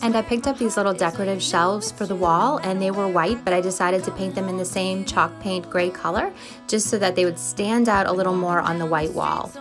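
A middle-aged American woman narrates a home and cleaning vlog in a friendly, encouraging, confiding voiceover. Her voice is mid-range and a little fast. She recorded it in a closet at home, with background music playing beneath her.

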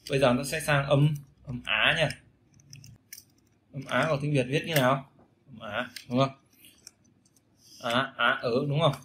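Male teacher, bright tone, drills vowel sounds by repetition, casual lesson. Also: medium pitch, moderate pace, pauses often, a little hiss or hum. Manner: repeats sounds and phrases many times, demonstrating vowels. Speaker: English pronunciation teacher.

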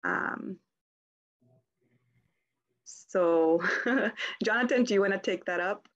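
A young woman moderating a panel discussion over a video call, speaking in a friendly, halting way with many ums and restarts. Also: mid-range voice, muffled recording. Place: indoors at home, plain wall.

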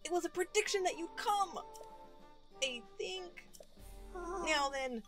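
A woman voicing a tiny, excitable forest sprite in a squeaky voice, with game music behind. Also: slow, heavily acted. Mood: eager.

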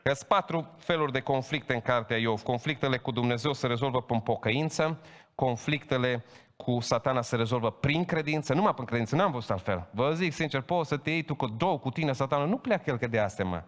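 A man preaching a Pentecostal sermon, emphatic and building to loud proclaiming. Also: medium pitch, expressive. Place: church hall. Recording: long hall reverb.

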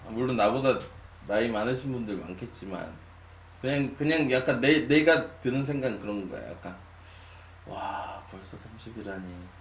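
A man in his late twenties talks casually to his live viewers, musing aloud with frequent sighs. His pitch swings widely as he goes from loud to soft. The room sounds echoey, with a faint hum underneath. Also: animated. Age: 20s. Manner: musing, slow and sighing, drifting between loud and soft. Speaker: live streamer. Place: small room at a desk.

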